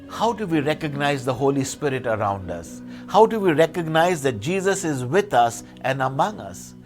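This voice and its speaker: A priest giving a sermon at a pulpit microphone, in a measured phrase-by-phrase delivery full of rhetorical questions and lists, slowing and softening into a hushed guided meditation. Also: male voice, fairly high pitch. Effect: speaking at a pulpit microphone.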